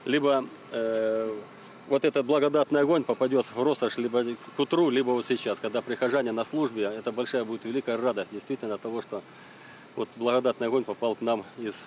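A man giving an unscripted news interview, hesitant and halting in his phrasing. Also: mid-range voice, fairly even intonation, darkish tone, a little hiss or hum. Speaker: chemical plant employee interviewed on camera.

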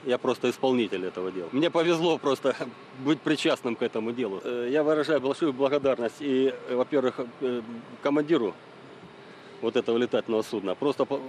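A man giving an unscripted news interview, hesitant and halting in his phrasing. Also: medium pitch, darkish tone, slight background noise. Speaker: chemical plant employee interviewed on camera.

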